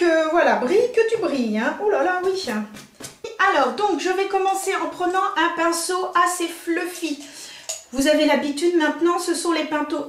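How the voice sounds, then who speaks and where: Gushing beauty vlogger, middle-aged woman, high voice, roomy salon sound. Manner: chatty, gushing, many fillers. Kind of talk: casual makeup tutorial chat.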